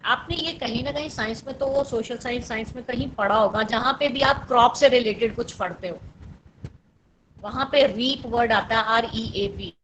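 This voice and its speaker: A woman's voice: on the high side, normal speed, slight background noise, low-quality recording. A woman teaching an online English class with an Indian English accent, mixing in Hindi, patiently explaining words, spelling them out and repeating praise.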